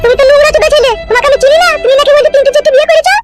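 A woman voicing a bitter, quarrelsome village aunt in a comedy cartoon, screeching and scolding without pause. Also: very high voice, fairly even intonation, over loud music, voice pushed up. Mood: spiteful. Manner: screeching, scolding rapid-fire.

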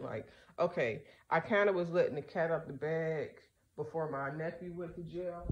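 A woman podcast host giving a casual, rambling monologue, blunt and profane, sleepy and yawning. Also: on the low side.

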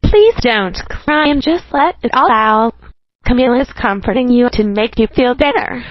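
A protective mother, indignant on her daughter's behalf, voiced by a female synthetic voice. The pitch sits fairly high and the delivery is machine-even. The sound is dry and close. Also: a little slow, dry recording, dull audio. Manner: fussing and indignant. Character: caring protective mother of a crying girl.

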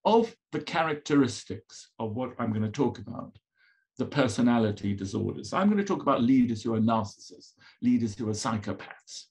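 A man with a colonial accent from Africa gives a conversational lecture at a medium pitch. He is emphatic, posing rhetorical questions and restating his points in short phrases. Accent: colonial, from an upbringing in Africa. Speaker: psychologist lecturing at a conference. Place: indoors, video call presentation with slides.

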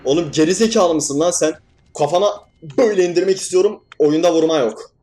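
A man's voice: fairly high pitch, fast talker, dark tone. A young man commentating a horror game as he plays, swearing and yelping at scares, then laughing them off. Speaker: gaming YouTuber.

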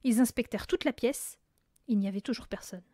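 A woman reading a children's story aloud in a lively, expressive way, close to the mic. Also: fairly high pitch, fairly quick, dry recording. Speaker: audiobook reader. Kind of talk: storybook narration.

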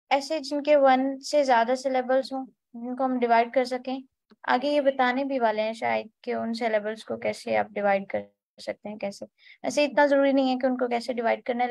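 Woman, high voice, patient step-by-step English tutor on an online class. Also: vocal fry, darkish tone. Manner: explains step by step, spells out letters, mixes in English terms. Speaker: English teacher.

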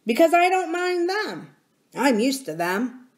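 A woman plays a twelve-year-old miner boy in a storybook. He is cheerful and self-assured, speaking in plain, matter-of-fact words with a lively, swinging pitch. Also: a little slow. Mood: confident.

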